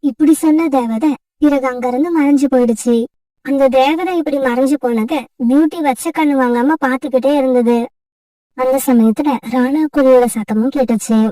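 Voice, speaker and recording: A woman narrating a children's cartoon story in a steady storytelling manner. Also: sits high, moderate pace, dry recording, distant mic, low-quality recording.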